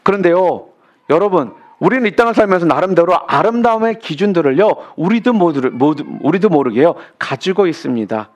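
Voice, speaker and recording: A male pastor delivering a sermon, asking the congregation questions and swinging between loud, emphatic peaks and quiet asides. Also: high-pitched, expressive, a little fast, lo-fi sound. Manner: preaching with rhetorical questions to the congregation. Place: church sanctuary.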